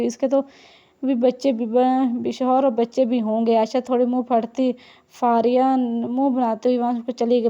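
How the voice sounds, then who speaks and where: Woman, novel narration, steady storytelling, fairly high pitch, slightly dull recording. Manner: steady storytelling, frequent restarts. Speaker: audiobook narrator. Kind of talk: novel reading.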